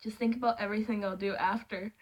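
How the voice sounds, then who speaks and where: A woman reading aloud the lines of a young man in a story, in a calm, coaxing way. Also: mid-range voice, fast talker, heavy background noise, natural voice. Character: young man, soothing and controlling partner.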